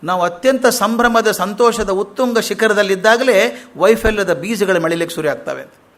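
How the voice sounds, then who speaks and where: A man giving an animated storytelling discourse on an epic in a lecture hall, emphatic and acting out quotes. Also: high-pitched, normal speed. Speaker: public speaker.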